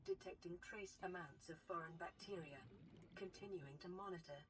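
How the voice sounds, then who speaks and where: A voice performing a gentle care robot, a calm onboard computer assistant with a synthetic computer sound, giving even, informative announcements. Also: mid-range voice, normal speed, a crowd in the background. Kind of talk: in-game system announcements.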